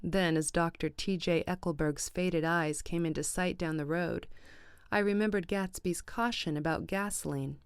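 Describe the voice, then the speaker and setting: A woman reading an audiobook in a measured, even way. Her voice sits low and smooth, and the recording is dry and close. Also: no room sound. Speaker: audiobook narrator. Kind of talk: audiobook narration.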